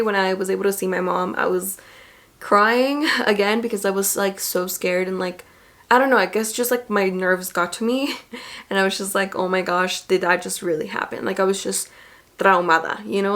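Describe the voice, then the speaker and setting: Speaking at a moderate pace and medium pitch, this young adult vlogger chats informally to camera, telling stories in a lively, animated way.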